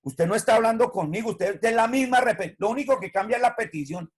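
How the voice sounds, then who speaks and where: A woman's voice: a little high, fast, breathy edge, pitched above the performer's own voice. Man playing an exasperated scolding mother. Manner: scolding, fed up. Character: exasperated mother tired of repetitive flattery.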